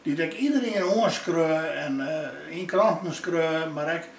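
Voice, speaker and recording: A man's voice: on the high side, creaky, a little hiss or hum. Older Frisian-accented man, roomy and distant. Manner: halting, with frequent filler pauses. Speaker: interviewee, former theater company member. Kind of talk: reminiscing interview. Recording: roomy sound, mic at a distance.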